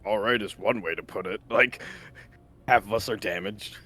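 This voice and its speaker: A man's voice: lowish voice, moderate pace, pushed and bright. A man playing in a tabletop role-playing game, casual and self-deprecating, joking with the group. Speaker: player.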